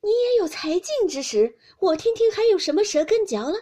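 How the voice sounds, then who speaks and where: A woman reading aloud voices a sharp-tongued young girl poet who mocks a rival loudly. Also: extremely high pitch, sing-song, a little fast, pitched above the performer's own voice. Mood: mocking.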